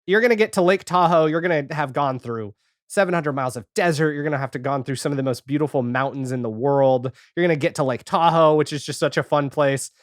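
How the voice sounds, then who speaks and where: A podcast guest who creates audio fiction talks candidly and casually about their own experiences in an interview, dropping wry, self-deprecating asides. Their medium-pitched voice moves at a quick pace in a dry, studio-quality recording.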